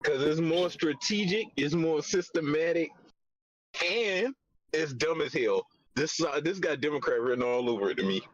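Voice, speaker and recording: A man's voice: on the high side, moderate pace, slight background noise. A man in a casual podcast chat, opinionated and offering hot takes. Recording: dry, muffled recording.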